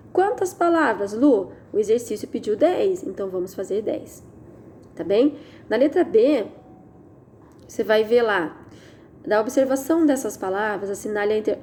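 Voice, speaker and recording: A Brazilian woman teacher giving a recorded lesson, patiently explaining and often checking that students follow, slowing down to stress key sounds. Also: on the high side, dark tone, slight background noise. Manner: patient, checks understanding with tag questions. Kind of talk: recorded online Portuguese lesson.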